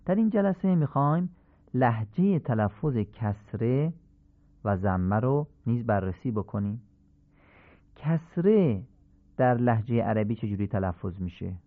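A man teaching Quranic pronunciation on a radio program, drilling syllables slowly and deliberately. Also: medium pitch, lively intonation. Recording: tinny phone-like radio sound.

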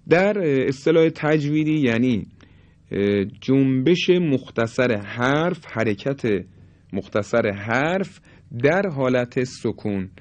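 A man teaching Quran recitation rules, explaining calmly and slowly stretching out example sounds to demonstrate them. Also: medium pitch.

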